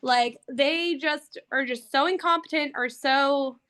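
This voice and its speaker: A woman with a high, light voice, telling a story in quick bursts and voicing each person in it. She is speaking on a video call with colleagues, in a relaxed group chat. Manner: animated storyteller, acts out others' lines. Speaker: real estate investor.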